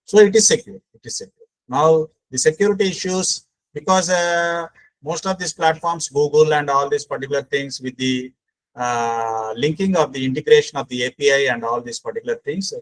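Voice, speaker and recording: Male instructor, Indian accent, slightly high voice, insistent and repetitive explanatory delivery for an online class. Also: moderate pace, low-quality recording. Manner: emphatic, repetitive, frequently says sir. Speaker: speaker at a faculty training session. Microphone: online call microphone.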